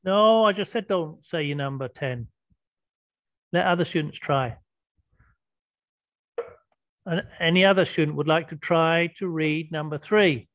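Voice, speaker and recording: A man's voice: a little high, normal speed, fairly bright tone, no room sound, muffled recording. A man teaching an online English class, patiently prompting students with questions over a video call.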